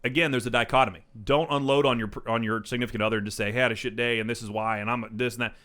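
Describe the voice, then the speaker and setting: A man's voice: medium pitch, steady tone, very fast, fairly bright tone. A man in his thirties co-hosting a casual group chat, rambling and emphatic, swearing freely as he tells stories and gives advice. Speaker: podcast co-host.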